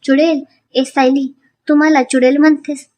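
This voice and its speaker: A woman voicing a spoiled young rival who speaks shrilly and indignantly, in a high voice. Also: flat delivery, a little slow, darkish tone.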